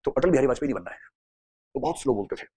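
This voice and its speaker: A man teaching a psychology class, playful and quick, acting out little scenes in voices. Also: medium pitch, expressive, mellow, husky. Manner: fast, playful, acts out examples in voices. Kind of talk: classroom lecture mixing Hindi and English.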